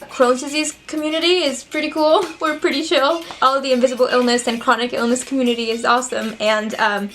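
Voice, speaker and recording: A woman's voice: high voice, steady tone, fairly quick, hardly any pauses, a bit bright, faint music behind. A young woman answering viewer questions in a casual vlog, candid, chatty and earnest. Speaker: vlogger.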